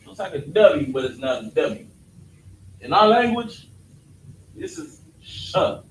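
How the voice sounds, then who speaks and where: On the high side and very animated yet slow, this man's voice carries a casual lesson on alphabet letters, with regular checks on whether students understand. The audio has room echo, a far-away mic, and faint noise.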